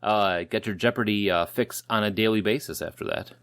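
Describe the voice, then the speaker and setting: A man's voice: fairly low pitch, brisk, fairly bright tone, clear, resonant tone, dry recording. A man co-hosting a podcast, reading out old news items with jokes and loose swearing. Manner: joking, swears casually, stumbles over words. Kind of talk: casual podcast banter.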